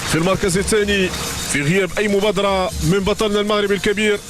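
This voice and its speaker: A man delivers live race commentary in an urgent, excited motorsport-commentator style. His voice sits high and moves very fast, stretching names for emphasis. Loud music plays underneath him.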